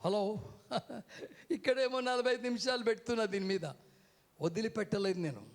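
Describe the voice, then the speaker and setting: A man's voice: high voice, normal speed. A man preaching a sermon from a church stage, calling out to the congregation and having them repeat words back. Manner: keeps calling out "hello" to the crowd. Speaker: guest preacher. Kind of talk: sermon with call-and-response.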